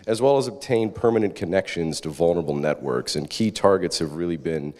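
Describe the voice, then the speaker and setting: A man's voice: low voice, brisk, darkish tone. A man giving formal, courteous podium remarks as the facilitator of a conference panel, with rhetorical turns. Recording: reverberant hall.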